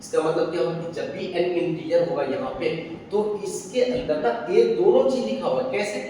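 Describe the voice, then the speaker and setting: A man's voice: high voice, animated, normal speed, warm tone. A man teaching a maths lesson, explaining step by step and answering his own questions. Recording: echoey room, far from the mic, faint noise.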